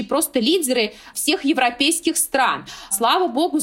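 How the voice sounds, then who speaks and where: A woman giving measured, opinionated political analysis in a talk show conversation. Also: sits high, fairly bright tone. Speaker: political commentator.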